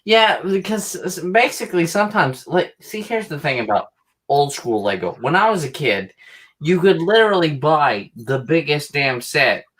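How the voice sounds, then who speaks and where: A man's voice: a little high, lively intonation, moderate pace, fairly bright tone. A man in his mid-thirties chatting casually over a video call, laid-back, laughing often and swearing freely. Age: 30s. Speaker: co-host. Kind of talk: casual chat.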